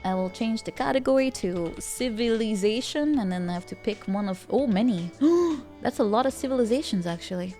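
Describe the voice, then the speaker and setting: A woman's voice: fairly high pitch, expressive, normal speed, mellow. A woman livestreamer chatting casually while gaming, in a playful, cute anime-streamer manner. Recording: music playing behind the voice. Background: music.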